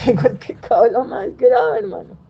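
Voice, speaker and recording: A woman pastor preaching a sermon, animated, acting out quoted people and firing pointed questions at the congregation. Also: high-pitched, moderate pace, creaky, dull audio, slight background noise.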